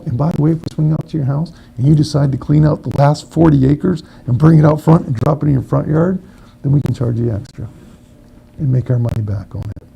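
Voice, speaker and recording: Gravelly folksy man at a forum. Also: medium pitch, mellow, a little hiss or hum, poor audio. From northern Maine. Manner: folksy, storytelling with homespun analogies. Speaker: city council candidate. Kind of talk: candidate forum answer.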